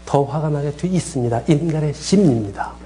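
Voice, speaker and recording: Faint music sits behind this middle-aged man as he lectures on counseling in a brisk, higher-than-average voice. In a lively manner, he acts out short quoted exchanges and quizzes the class.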